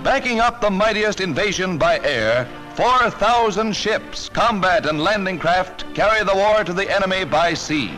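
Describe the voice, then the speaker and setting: A man's voice: sits high, expressive, moderate pace, few pauses, low-quality recording. A man narrating a 1940s newsreel in a rousing, emphatic announcer style, with the sound of an old newsreel. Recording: narration over loud orchestral music.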